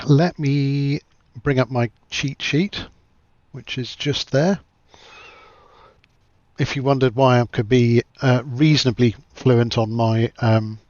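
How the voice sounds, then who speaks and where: A man's voice: mid-range voice, dry recording, lo-fi sound. A man giving casual livestream commentary as he plays a flight simulator, thinking aloud in a chatty, self-deprecating way.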